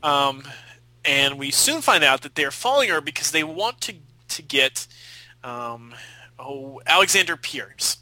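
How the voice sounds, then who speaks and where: A man's voice: a little high, lively intonation, unhurried, pushed and bright, no room sound, low-quality recording. A young man co-hosting a casual movie podcast, rambling and joking with lots of filler. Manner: rambling, jokey, full of filler. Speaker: podcast co-host.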